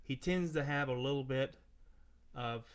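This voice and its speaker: A man co-hosting a live chat show, telling a story in a relaxed, plain way. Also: medium pitch, unhurried, clean tone. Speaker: co-host. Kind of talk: casual chat.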